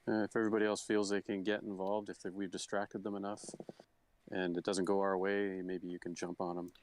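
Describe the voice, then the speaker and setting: A man's voice: sits low, level tone, brisk, no room sound. A man playing a tabletop game, laying out plans casually with many fillers. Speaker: player.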